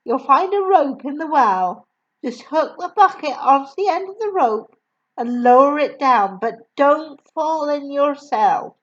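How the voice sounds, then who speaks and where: A woman voicing a kind, gentle schoolteacher in a storybook reading. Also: sits high, animated, a little slow, muffled recording, pitched above the performer's own voice. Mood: instructing.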